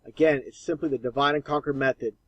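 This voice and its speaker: A man's voice: mid-range voice, fairly even intonation, fast talker, no room sound, muffled recording. A man narrating a voice-over in a scornful, mocking way. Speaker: video narrator. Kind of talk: conspiracy commentary voice-over.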